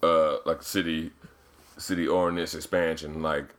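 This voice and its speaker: A man's voice: very deep voice, level tone, normal speed, a bit bright. A man co-hosting a podcast in casual chat, tossing in joking asides and laughs. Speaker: podcast co-host.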